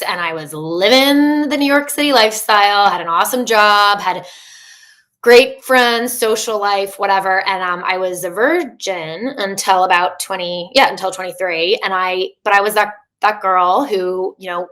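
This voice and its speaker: A coach in her thirties appears as a podcast guest in a candid, casual interview, talking openly and chattily with lots of fillers and restarts. Her medium-pitched voice is a bit bright.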